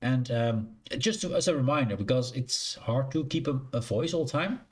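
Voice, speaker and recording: A man's voice: mid-range voice, animated, normal speed. A young Dutch man with a Dutch accent, chatting casually with his live-stream chat from a shared living room, rambling and correcting himself as he goes. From Netherlands.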